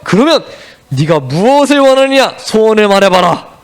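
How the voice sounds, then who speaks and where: A man's voice: high-pitched, big pitch swings, normal speed, clear, resonant tone. A man playing a stately, kindly ancient king. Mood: gracious.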